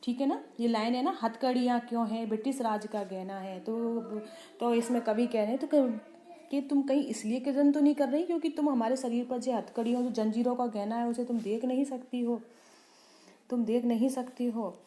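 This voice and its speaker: A woman teacher explaining a poem line by line. She asks questions and answers them herself, and she slows down for the poem lines. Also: fairly high pitch, steady tone, dark tone, reverberant. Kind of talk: Hindi poem explanation lesson.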